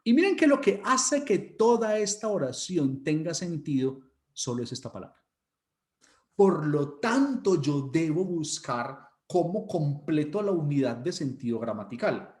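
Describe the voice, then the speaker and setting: A man with a Colombian Spanish accent teaching an online class, joking and animated, sometimes putting on mocking voices. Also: on the high side, measured pace, roomy sound. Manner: joking, animated, mocks students with put-on voices.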